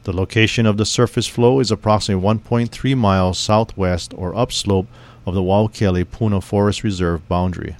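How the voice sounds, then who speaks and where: Guy with a lowish voice doing a grave civil defense broadcast, formal n measured, reading off a script. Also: fairly even intonation, darkish tone. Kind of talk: scripted public emergency information broadcast.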